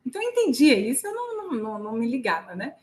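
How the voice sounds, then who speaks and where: A woman's voice: high voice, big pitch swings, rapid-fire, a little mellow. A woman with a Brazilian Portuguese accent hosting a casual spiritual livestream from home, chatty and often checking with her audience.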